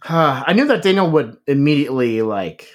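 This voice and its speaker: A man's voice: on the high side, expressive, moderate pace. A man co-hosting a casual podcast, chatting and joking playfully with his friends. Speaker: podcast co-host. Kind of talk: casual chat.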